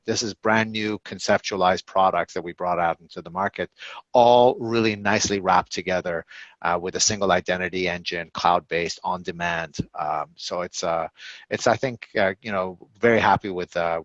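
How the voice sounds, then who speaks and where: A man's voice: sits low, steady tone, fairly bright tone, no room sound. Exec guy in his 50s, lots of you-knows and restarts, kinda muffled dry recording. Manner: halting, full of "you know" fillers and restarts. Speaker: tech company executive guest. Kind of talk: casual interview answers. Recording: dull, lo-fi and dry.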